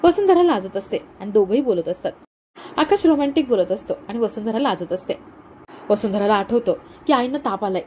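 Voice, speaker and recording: Mellow woman retelling a TV serial. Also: mid-range voice, lively intonation, a little fast, slight background noise. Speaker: storyteller. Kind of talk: serial episode narration.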